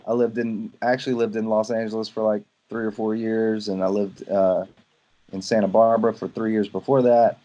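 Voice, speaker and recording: A man from Louisiana with a Southern lilt talks loosely over a video call, circling back on himself and dropping fillers as he mentors. His voice sits at a middling pitch and comes through slightly dull and lo-fi. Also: mellow. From Louisiana, USA. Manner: rambling, many fillers and restarts. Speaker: photography mentor. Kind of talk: casual video-call conversation.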